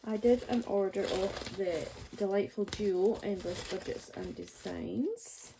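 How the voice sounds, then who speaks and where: Woman in her forties, chatty budgeting vlog, gravelly fry, crinkling packaging noise. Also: medium pitch, slow. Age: 40s. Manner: chatty and rambling, with playful self-mocking jokes. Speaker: budgeting vlogger. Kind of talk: casual chat.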